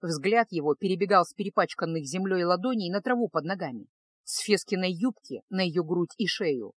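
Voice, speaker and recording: Woman reading a fantasy audiobook, lowish voice, dry close mic, steady pace. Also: no echo. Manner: even, measured reading. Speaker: audiobook narrator. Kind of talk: scripted narration.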